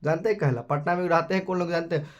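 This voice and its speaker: High-voiced Bihari maths teacher. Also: male voice, fairly even intonation, racing, muffled recording. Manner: chatty, scolding, calls students beta. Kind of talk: casual Hindi live class.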